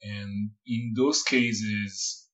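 A man's voice: on the low side, steady tone, extremely slow, fairly bright tone, dull audio. A man who grew up near Paris, a researcher guest speaking thoughtfully with frequent fillers. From France, Paris area. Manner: thoughtful, hesitant, many fillers, laughs lightly. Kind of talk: casual interview talk.

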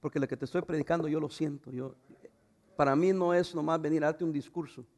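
A middle-aged man pastor preaching a sermon, swinging from loud fervent passages to quiet, intimate asides. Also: fairly high pitch, steady tone, quick pace.

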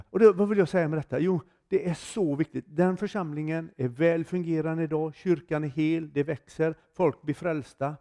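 A man's voice: a little high, warm tone. A man preaching a sermon in a conversational, storytelling way, telling a personal testimony and acting out the dialogue in it. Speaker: guest preacher.

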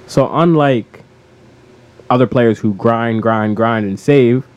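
A man co-hosting a casual gaming podcast, energetic and playful, joking and laughing as he talks. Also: medium pitch, slow, highs cut off. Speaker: podcast co-host.

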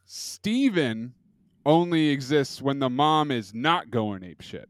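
Man, laid-back podcast talker, asks questions, smooth clear voice, dry close recording. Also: mid-range voice, lively intonation, takes it slowly, dry recording. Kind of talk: casual TV discussion.

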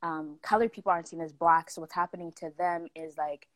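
A woman's voice: lowish voice, steady tone, fairly quick, no room sound. A young woman from South Africa, telling a story in a casual chat with lots of fillers, acting out the people she quotes.

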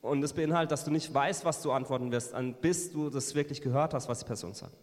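A man's voice: medium pitch, fast. Hesitant male interpreter in an echoing hall. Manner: hesitant, frequent fillers and self-corrections. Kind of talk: live sermon interpreting. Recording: long hall reverb.

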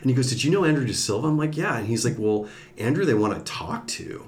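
A man's voice: mid-range voice, quick pace. A man, a podcast guest, telling a story in casual talk and acting out the people he quotes. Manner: animated, acts out quoted voices. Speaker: podcast guest, former TV executive.

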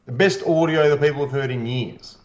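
A man's voice: mid-range voice, fairly quick, roomy sound. An Australian man co-hosting a podcast with crude, teasing, boastful banter and a lot of swearing. His voice sounds muffled and hollow, as if he's talking through a cone. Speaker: podcast co-host.

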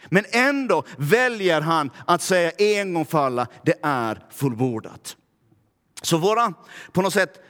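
A pastor from Närpes with a Finland-Swedish accent delivers a conversational sermon in a church. His voice is on the high side with a fairly bright tone, and the room sounds big. He frequently asks his listeners "va?".

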